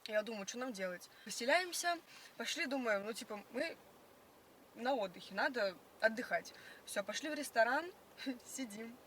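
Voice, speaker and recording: Bright-voiced young woman chatting in slang. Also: fairly high pitch, lively intonation, normal speed. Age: young adult. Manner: slangy, filler-heavy storytelling. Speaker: passenger being interviewed. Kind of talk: casual chat, storytelling. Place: inside a car. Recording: noisy in-car recording.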